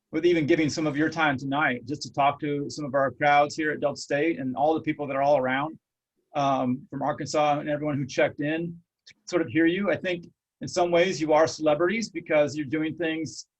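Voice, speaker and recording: A man's voice: a little high, slightly rough, highs cut off. Earnest man hosting. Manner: rambling, earnest, reflective. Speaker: host. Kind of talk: casual interview.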